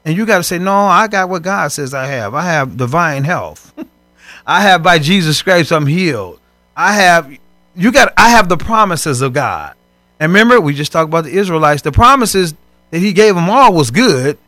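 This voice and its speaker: A man co-hosting a faith broadcast, preaching in animated conversation and acting out voices from scripture stories. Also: a little high, normal speed, no room sound, faint music behind.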